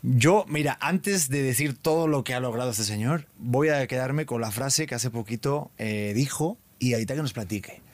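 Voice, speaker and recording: Casting: Spanish-accented male podcast host, playful and teasing, mid-pitched, dry studio sound. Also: moderate pace, few pauses, no echo. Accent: Spanish from Spain. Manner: playful, laughs often, reads notes aloud. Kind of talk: casual interview chat.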